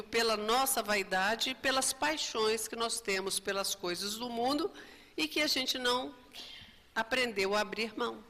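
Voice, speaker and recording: A woman gives a spiritist lecture in a bright, fairly high voice, often adding tag questions as she tells a story. Her voice rings through a reverberant hall. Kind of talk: religious lecture.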